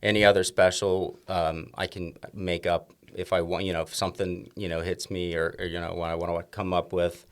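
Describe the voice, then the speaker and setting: A man's voice: sits low, level tone, fairly quick, hardly any pauses, smooth. A man, a chef and restaurant owner, talking casually in a podcast interview, rambling with many restarts and fillers.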